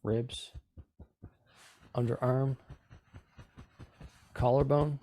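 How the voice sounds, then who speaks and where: Very slowly and with fairly even intonation, a medium-pitched man with a dark tone guides a group through tapping and relaxation. His instructions are coaxing and repetitive, punctuated by short check-in questions, in a dry recording.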